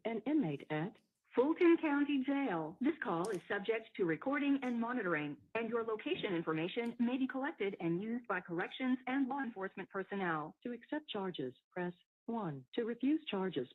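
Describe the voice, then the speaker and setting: A woman's voice: a little high, expressive, moderate pace. A woman's recorded operator voice reading formal prompts, heard over a jail payphone call. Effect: heard over a jail payphone line. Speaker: automated jail phone operator. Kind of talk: recorded phone system announcement. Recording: tinny distant phone line.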